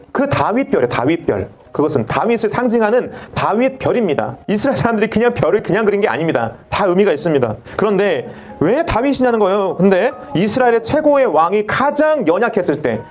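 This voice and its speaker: A man preaching a sermon as pastor, dramatic and direct with the congregation, acting out mocking voices. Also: high-pitched.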